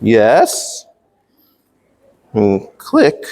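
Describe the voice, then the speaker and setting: A man's voice: fairly low pitch, wildly swooping pitch, very slow, a little mellow. A man teaching English in a casual, playful workshop style, often checking in with his students as he explains. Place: large reverberant room at a university workshop. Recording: echoey hall with long reverb.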